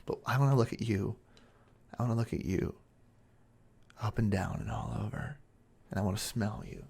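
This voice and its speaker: A man playing an obsessive, controlling kidnapper stalker in an intimate role-play monologue, musing and coaxing in a halting, menacing way. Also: lowish voice, creaky, a little mellow, breathy edge. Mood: obsessive, creepy.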